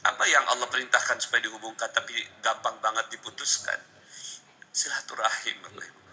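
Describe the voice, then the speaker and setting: Man, seminar speaker, very sharp forceful tone, mid pitch, earnest, loud-to-whisper swings. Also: a little fast, low-quality recording. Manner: addresses the audience repeatedly. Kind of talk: emotional storytelling seminar talk.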